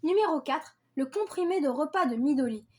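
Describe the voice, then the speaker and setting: A woman's voice: high voice, animated, a little fast, darkish tone. A woman presenting a list of dishes in a read-aloud style, repeating the same set phrases and stumbling now and then. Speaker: video creator presenting invented dishes.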